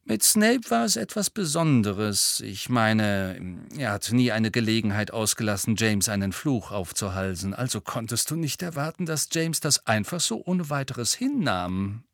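A man voicing an earnest adult wizard mentor who speaks in a measured, firm way. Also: on the low side, animated, gravelly, no echo, clean studio sound.

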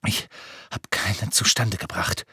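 A man's voice: slow, dry recording, studio quality, natural voice. A man voicing a shaken, ashamed teenage boy wizard, speaking in a breathless, tense way.

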